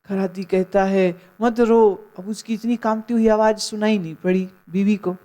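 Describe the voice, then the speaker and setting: A woman's voice: medium pitch, steady tone, normal speed, dark tone. A woman spiritual teacher giving a sermon, telling stories in a conversational way and mixing in English phrases. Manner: storytelling, mixes in English phrases.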